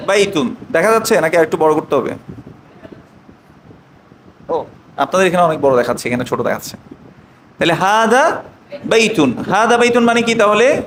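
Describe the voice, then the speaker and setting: A man teaching an online Arabic lesson, drawing out slow model phrases and often asking the students check questions. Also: sits high, a bit bright, reverberant, a little hiss or hum, rough recording.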